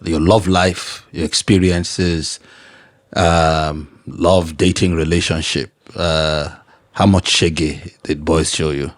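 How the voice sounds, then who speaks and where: A man hosting a podcast interview, measured and murmuring agreement as his guest talks. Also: very deep voice, steady tone, dry recording, clean studio sound. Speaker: podcast host. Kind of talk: casual interview.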